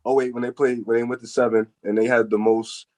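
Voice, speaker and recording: A man's voice: mid-range voice, level tone, a little fast, a little mellow. A man from New Jersey chatting casually as a podcast guest, with slangy, profane wording. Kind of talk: casual chat.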